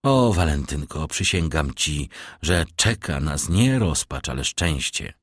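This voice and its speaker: A man's voice: very deep voice, sing-song, a little slow, dry recording, heavily acted. A man reading an audiobook, voicing a resolute young man in love in an earnest, declamatory manner. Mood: ardent. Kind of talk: audiobook reading of a classic novel.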